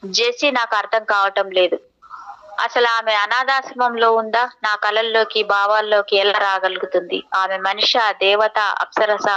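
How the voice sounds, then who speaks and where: A woman reads a first-person novel aloud in a measured, reflective way, lingering on poetic phrases. Her voice is bright and smooth, and the recording has a slightly dull, lo-fi sound. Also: medium pitch, fairly even intonation. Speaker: audiobook narrator.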